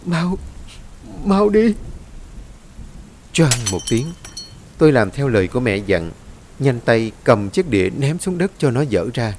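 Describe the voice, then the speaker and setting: A man reading a horror story aloud in a dramatic, expressive way. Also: mid-range voice, normal speed, a little hiss or hum. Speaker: story narrator. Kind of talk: scripted horror story narration.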